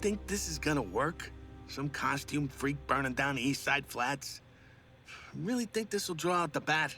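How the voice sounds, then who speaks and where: An actor playing a dim, casual cop sidekick with a folksy, offhand way of talking in a cartoon. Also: male voice, fairly high pitch, animated, normal speed, pushed and bright, faint music behind. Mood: doubtful. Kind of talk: animated crime drama acting.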